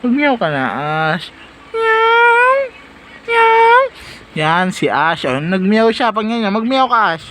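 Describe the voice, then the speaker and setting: Playful high-voiced young man doting on cats. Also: lively intonation, normal speed, hardly any pauses, noisy background. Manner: playful, doting, talks to his cats with sudden squealing exclamations. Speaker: vlogger. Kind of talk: casual vlog talk to camera.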